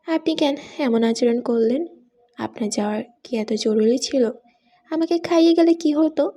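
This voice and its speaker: A woman reading the part of a proud, sharp-tongued young wife in an audiobook, speaking with indignant, biting retorts. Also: high voice, normal speed. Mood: hurt.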